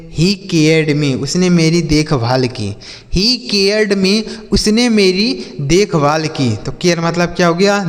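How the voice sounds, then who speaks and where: A man teaches English words at a slow, deliberate pace in a fairly high voice. He spells each word letter by letter, repeats it, and quizzes himself before answering. The recording has a long reverb tail. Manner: asks and answers his own questions. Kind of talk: slow spoken English lesson for beginners.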